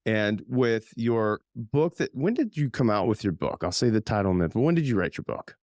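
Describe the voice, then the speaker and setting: Deep-voiced, chatty male podcast host. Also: very animated, fairly quick, darkish tone, no room sound, clean studio sound. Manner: chatty, rambling, with many fillers and restarts. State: slightly hoarse from a cold. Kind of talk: casual podcast hosting.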